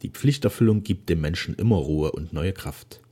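An ailing old nobleman from a classic novel, solemn and full of remorse, as a male narrator voices him. His speech is formal and weary, in a dark, husky tone. Each sentence is weighted like a confession. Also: deep voice, expressive, moderate pace.

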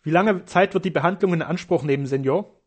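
A man's voice: a little high, brisk, darkish tone, pitched above the performer's own voice, natural voice. A man reading an audiobook voices an old, ailing count who speaks earnestly and trustingly.

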